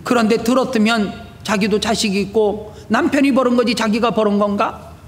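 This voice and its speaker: A male pastor preaching a sermon, telling stories with shouted prayers and rhetorical questions. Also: high voice, fairly even intonation, fairly quick, long reverb tail, slight background noise. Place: church sanctuary.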